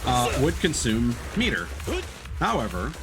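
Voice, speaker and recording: This video game streamer has a mid-range, sing-song voice and takes his time. Over game music, he offers casual live-stream commentary on his gameplay, explaining things conversationally and thinking out loud.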